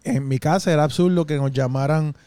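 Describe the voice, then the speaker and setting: A man's voice: on the high side, brisk, dark tone, clear, resonant tone, dry recording. A man co-hosting a podcast, explaining in an earnest, somewhat hesitant, patient way in casual chat. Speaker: podcast co-host.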